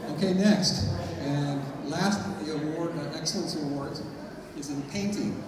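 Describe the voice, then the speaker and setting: A man's voice: on the high side, a little slow, noisy background. A man hosting an awards ceremony at an art gallery, announcing categories and calling out to winners in the room. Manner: upbeat, calls out to winners in the room. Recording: echoey hall, distant mic, loud crowd.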